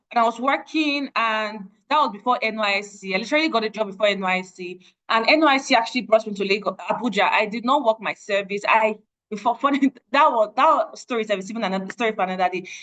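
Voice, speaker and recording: A woman's voice: a little high, animated, fast, fairly bright tone, poor audio. A young Nigerian woman giving a personal testimony at an online meeting, earnest and repeating phrases for emphasis. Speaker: guest speaker.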